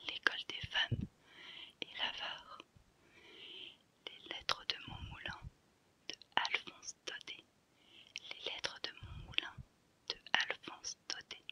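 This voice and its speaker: A woman whispering softly in a hushed, breathy library whisper, reading out a list in an ASMR style and repeating phrases.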